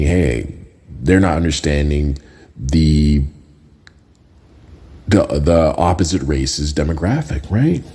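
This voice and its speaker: A man born in Jamaica, hosting a podcast in a casual, conversational way and often tagging his points with a quick question. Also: a bass voice, dark tone. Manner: conversational, often tags lines with "right?". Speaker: podcast host. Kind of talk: casual solo podcast talk.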